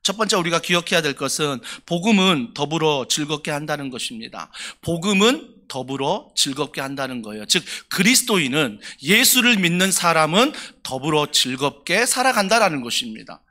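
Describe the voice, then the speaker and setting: A man's voice: on the high side, very animated, brisk, few pauses, sharp tone. A male pastor preaching an emphatic sermon in a church, often asking the congregation questions. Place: church sanctuary.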